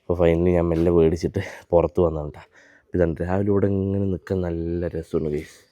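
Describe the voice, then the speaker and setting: A man's voice: sits low, flat delivery, quick pace, warm tone, dry recording. A man vlogging on his phone at home in the morning, chatting straight to his viewers. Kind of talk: casual daily vlog narration. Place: family home, early morning. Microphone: handheld phone.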